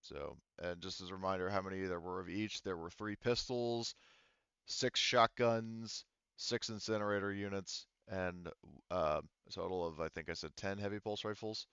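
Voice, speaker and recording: Over slightly lo-fi voice chat, a man runs a tabletop roleplaying session as game master, narrating in a casual, halting way while thinking aloud. His low-pitched voice is steady, clear and resonant, a bit bright, and the recording is dry.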